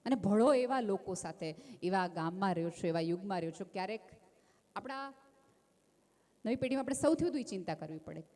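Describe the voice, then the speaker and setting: Lady talking gently on stage into a mic, never raises her voice, long hall echo. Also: mid-range voice, animated, brisk, long pauses. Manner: intimate, addresses listeners as friend. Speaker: speaker at a community religious festival. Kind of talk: inspirational talk with storytelling. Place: stage at a large festival gathering. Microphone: stage microphone with PA. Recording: long reverb of a large venue.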